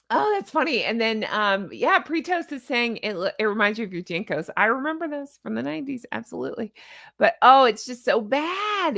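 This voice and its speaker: A woman's voice: fairly high pitch, fairly bright tone, no echo, studio quality. A woman with a honking, goose-like voice hosting a casual reaction video in a jokey, exclamatory, chatty way. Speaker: YouTube host. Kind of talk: casual livestream-style reaction commentary.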